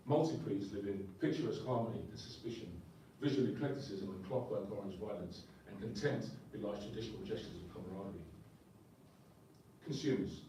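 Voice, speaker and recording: A man delivering slam poetry in a rhythmic, emphatic spoken-word style, his voice low and mellow. He sounds set back from the mic in a very echoey room, with faint ambience behind him. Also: fairly quick, recorded from a distance, a little hiss or hum. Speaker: poet. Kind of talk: live slam poetry performance.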